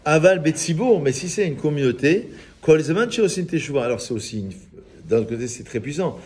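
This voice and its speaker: Lively rabbi teaching a class. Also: male voice, a little high, brisk. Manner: lively, teasing, chats with listeners. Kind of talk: informal Torah lesson to a small group.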